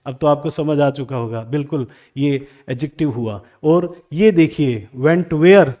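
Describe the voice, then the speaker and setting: A man teaching English grammar in Hindi, asking questions and answering them himself, reading example sentences slowly with an Indian English accent. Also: a little high, dark tone. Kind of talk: classroom grammar lesson.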